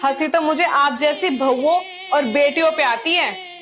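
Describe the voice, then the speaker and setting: A woman playing a calm daughter-in-law who lectures pointedly in a family skit. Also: sits high, unhurried. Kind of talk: amateur family skit acting.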